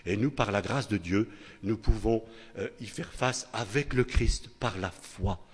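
An older man preaching a sermon with a husky voice, in a chatty style that keeps tossing tag questions to his listeners and restarting phrases. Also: fairly low pitch, unhurried. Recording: long hall reverb.

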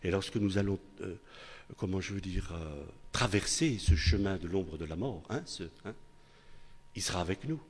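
An older man preaching a sermon with a husky voice, in a chatty style that keeps tossing tag questions to his listeners and restarting phrases. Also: deep voice, moderate pace. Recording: long hall reverb.

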